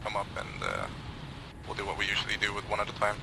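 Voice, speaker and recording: A man speaking in terse, matter-of-fact military radio chatter as a helicopter pilot in a simulation game, with a gravelly voice. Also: on the low side, big pitch swings, fast talker. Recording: noisy game radio with vehicle sound.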